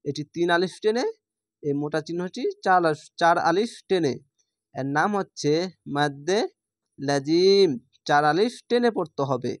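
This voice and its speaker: A man's voice: on the high side, expressive, moderate pace, long pauses, no echo, studio quality. A man teaching Quran reading, spelling out each letter and vowel, then drawing out the recited words.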